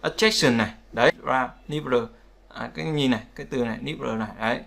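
Male language teacher with a gravelly, bright voice, explaining patiently and repeating examples. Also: medium pitch, fast talker. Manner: repetitive, conversational, checks with "đúng không?". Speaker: English pronunciation teacher. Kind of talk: explaining word stress in a lesson.

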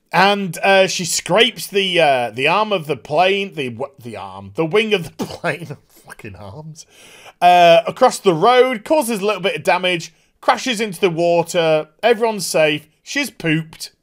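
A man giving a casual, swear-filled review of a TV episode and acting out the scenes as he goes. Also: sits high. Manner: animated, swears freely, acts out scenes in put-on voices. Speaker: TV show reviewer.

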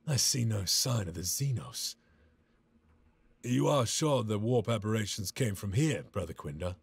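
Game casting: devout sci-fi officer, gravelly, martial, with swooping delivery. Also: male voice, fairly low pitch, animated, unhurried, no room sound, full character voice. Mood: wary. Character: stern devout space soldier officer. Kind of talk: dramatic video game acting.

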